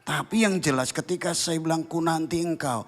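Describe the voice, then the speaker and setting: A middle-aged man, a pastor preaching a sermon and telling stories in a lively way, sometimes singing lines of worship songs. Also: on the high side, normal speed. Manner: animated storytelling, voices God's words, breaks into song. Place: church hall.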